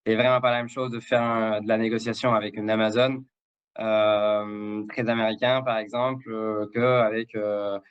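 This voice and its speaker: Lowish and level, his clear, resonant voice moves at a moderate pace over lo-fi sound. A Mexican native Spanish speaker with a Québécois-tinged accent, he is the guest in a live interview, an international development director who hesitates often, repeating words and using many fillers.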